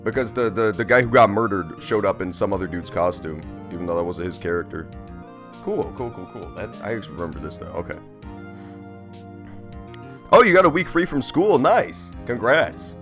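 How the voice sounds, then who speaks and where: A man's voice: lowish voice, expressive, normal speed, a bit bright, soft background music. A man streaming a game and chatting casually with viewers, playful, rambling and sweary. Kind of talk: casual live-stream chat with gameplay commentary.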